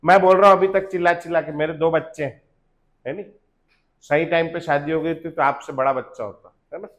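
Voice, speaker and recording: A man in his thirties teaching chemistry to a classroom in a casual lecture. He asks tag questions over and over and makes the class chant formulas loudly and slowly. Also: on the high side, fairly even intonation. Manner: chatty, rhetorical tag questions, drills formulas by loud slow chanting.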